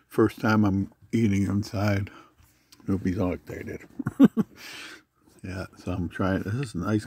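A man's voice: on the low side, mellow, husky, no room sound. A man recording a casual camping video diary inside a camper, talking in a plain, matter-of-fact way on a handheld phone. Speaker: camping vlogger. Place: inside a camper, rain outside.

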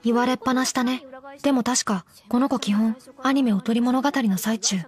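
An actress voicing a deadpan undead doll girl who teases dryly in an in-character anime commentary. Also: on the high side, a little fast, soft background music, natural voice. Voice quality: flat, emotionless delivery. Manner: teasing, dry deadpan jokes. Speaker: commentary co-host.

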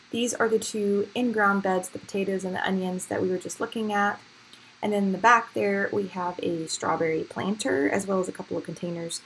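Speaking at a medium pitch, this gardening vlogger chats directly to her viewers in a casual, upbeat way while touring her backyard garden in the evening. The audio is poor, captured outdoors on a handheld camera or phone with background noise and faint ambient sound.

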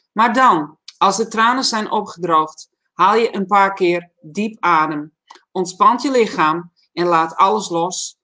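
On a livestream talk show, a woman host with a voice on the low side reads a reflective text aloud calmly and deliberately, then moves into casual chatting.

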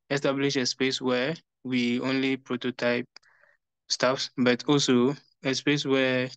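A man based in Ghana speaks over a video call with a smooth, resonant voice and a flat delivery. The audio is dry and somewhat muffled. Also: medium pitch, no echo. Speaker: election candidate. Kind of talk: online meeting statement.

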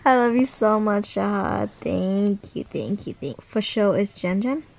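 A woman's voice: medium pitch, lively intonation, a little slow, creaky, darkish tone. A tired young woman chatting casually in a vlog, gushing affectionately over fan messages. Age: young adult. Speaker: vlogger reading fan messages.

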